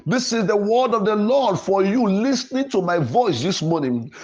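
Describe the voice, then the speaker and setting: With music in the background, a man preaches and prays at normal speed in a high, expressive voice, and the recording has its highs cut off. He is a pastor and programme host whose Pentecostal sermon is declamatory and emphatic, built on repeated phrases.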